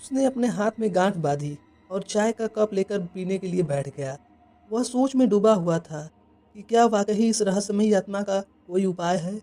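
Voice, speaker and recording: Mellow horror story narrator. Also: mid-range voice. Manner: even, measured storytelling. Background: faint music.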